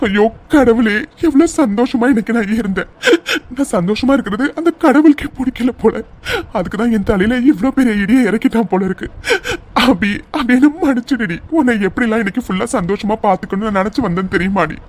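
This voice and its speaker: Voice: medium pitch, fast talker, few pauses, natural voice. A voice actor playing a young husband in a cartoon serial, pleading and tearful, repeating himself.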